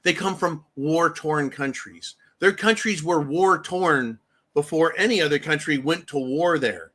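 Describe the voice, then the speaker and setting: A man with a notably high voice hosts a live stream. He talks in a blunt, profane rant and slips into quick impressions of the people he describes. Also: a bit bright. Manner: blunt, profane ranting, acts out quoted voices. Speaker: livestream host. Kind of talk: casual live-stream commentary.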